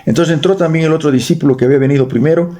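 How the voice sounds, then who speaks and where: Racing along in a slightly high, warm voice, a Bolivian preacher reads verses aloud in church. He jokes with the congregation and tests them with questions, all in a Bolivian Spanish accent.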